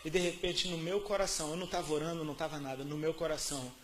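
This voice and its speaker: A man with a Brazilian Portuguese accent preaching a sermon, telling his testimony in casual slang with lots of repetition, dropping to soft murmurs and rising to loud outbursts. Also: fairly high pitch, fairly even intonation, racing, slight background noise.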